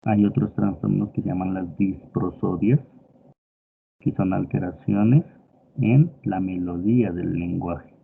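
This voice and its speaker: A man's voice: low voice, fairly even intonation, unhurried, vocal fry. A man from Pasto with a Pasto Colombian Spanish accent, giving a lecture and explaining with everyday examples, often checking in with his listeners. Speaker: teacher. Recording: tinny phone-like audio with faint noise.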